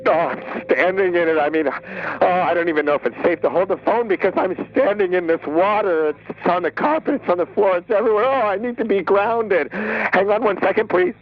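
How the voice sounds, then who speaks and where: A man's voice: high voice, brisk, few pauses, dull audio, lightly acted. An actor playing a flustered man who rambles in a panic while reporting his dead brother in a comedy audio drama. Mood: frantic. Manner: panicky, rambling, apologetic, easily distracted.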